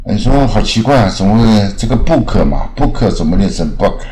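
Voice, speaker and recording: A man teaching English pronunciation in a casual lesson, drawing out phrases with a trailing "ah" and repeating words slowly to demonstrate. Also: lowish voice, lively intonation, a little mellow. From Taiwan. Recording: echoey room.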